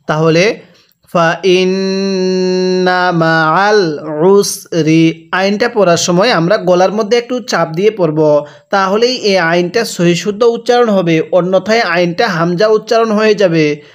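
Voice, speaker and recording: A man teaching Quran reading with a Bangladeshi Bengali accent, spelling out each syllable slowly, then asking how to read it and repeating it. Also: high-pitched. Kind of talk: slow spelled-out recitation lesson.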